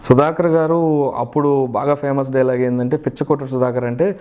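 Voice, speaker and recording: A young man, a mimicry artist, talking in a casual interview, earnest and lively, now and then breaking into loud high impressions. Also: brisk, clean tone.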